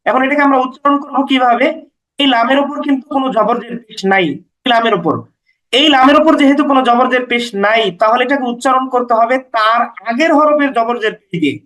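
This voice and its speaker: A man with a strikingly high voice gives a Quran recitation lesson. He works through each rule patiently, repeating letter names and vowel marks slowly so they stick. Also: fairly bright tone, rough recording. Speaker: Quran teacher.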